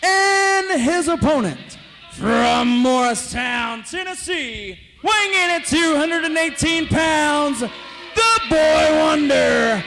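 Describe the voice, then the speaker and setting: A man working as a wrestling ring announcer, giving a grand entrance announcement with drawn-out, shouted names. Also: extremely high pitch, lively intonation, vocal fry. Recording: echoey hall PA with music.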